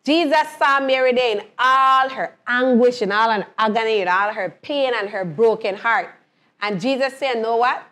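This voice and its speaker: A woman's voice: a little high, moderate pace, fairly bright tone. A woman leading a Bible lesson, retelling the story and asking her co-hosts questions. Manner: asks questions and answers them herself, repeating phrases.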